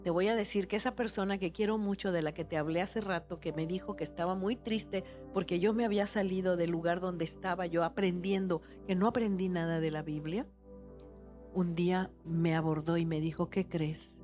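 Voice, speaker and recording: A woman pastor preaching a sermon, animated and personal, with rising emphasis. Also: lowish voice, a little fast, faint music behind.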